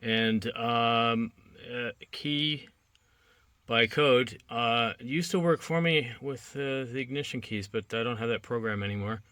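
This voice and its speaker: A man who works as a locksmith, giving a casual hands-on demonstration and thinking aloud in a relaxed, halting way while he works. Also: mid-range voice. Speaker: locksmith demonstrating key making.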